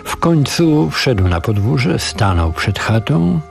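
A man on the radio in a studio, reading a story aloud informally with relaxed, chatty asides. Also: mid-range voice, takes it slowly, gravelly, faint music behind. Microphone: studio microphone.

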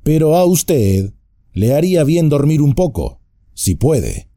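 Guy doing a jumpy chubby innkeeper, talks high and fretful, lots of up and down, dark dry sound. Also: very animated, slow, no room sound. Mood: anxious. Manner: flustered, anxious, talkative. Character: nervous fussy stout male innkeeper.

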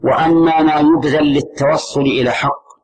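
A male scholar giving a religious lesson, measured and repetitive, putting questions to his class. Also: on the high side, steady tone, rough recording. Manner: measured, repeats key terms, asks the class questions. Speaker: Islamic scholar teaching a class.

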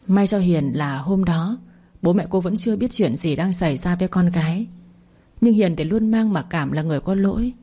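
A woman narrating a dramatic story in a steady storytelling voice. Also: on the low side, moderate pace, husky.

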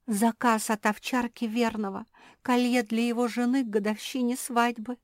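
A woman's voice: fairly high pitch, flat delivery, normal speed, no echo, clean studio sound, pitched above the performer's own voice, close to an everyday voice. A woman voicing a strict older sister dog who lectures in a reproachful, preachy way. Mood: nervous.

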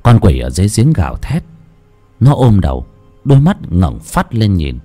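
Male horror storyteller with a low, mellow voice and a very animated delivery. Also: normal speed, faint music behind.

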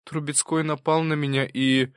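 A man's voice: on the high side, level tone, normal speed, smooth, no room sound, clean studio sound, pitched above the performer's own voice, lightly acted. A man reading an audiobook, voicing a timid young woman on the witness stand in a lifted, hesitant voice.

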